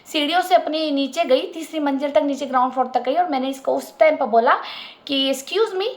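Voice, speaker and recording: A woman's voice: high voice, steady tone, fairly quick. A woman telling a personal story in a casual monologue. She is emphatic, repeats herself and piles up details. She sounds unwell.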